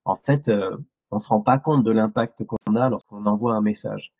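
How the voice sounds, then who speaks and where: A man's voice: lowish voice, steady tone, moderate pace, slightly rough, no echo, lo-fi sound. A man speaking casually and encouragingly as the leader of a group.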